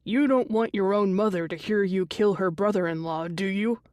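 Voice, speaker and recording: A woman's voice: medium pitch, normal speed, darkish tone, no echo, clean studio sound, lightly acted. A woman doing a sly, menacing uncle. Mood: wheedling. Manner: smooth, wheedling, wry.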